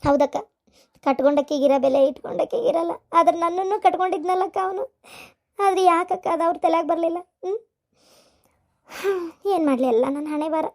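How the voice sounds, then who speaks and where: A woman's voice: extremely high pitch, brisk, pauses often. A woman voicing a heartbroken young abandoned cartoon wife who complains plaintively, with a North Karnataka Kannada accent. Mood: resigned.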